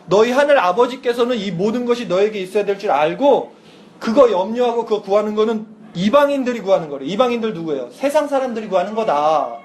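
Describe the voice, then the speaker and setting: High-voiced man preaching casually to teens. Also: slight background noise. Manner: casual, chatty preaching with rhetorical questions to teens; reads scripture aloud slowly. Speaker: youth pastor. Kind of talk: sermon.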